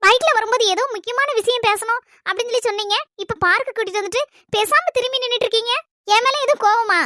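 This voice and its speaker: A woman voicing an earnest young village wife in a comic family skit, speaking with a Kanyakumari Tamil accent and a quick, emphatic manner. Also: very high voice, pushed and bright, no echo, clean studio sound. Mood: worried.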